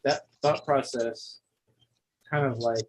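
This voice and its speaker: A man's voice: mid-range voice, steady tone, takes it slowly, rough recording. A man in casual chat, thinking aloud and musing with questions.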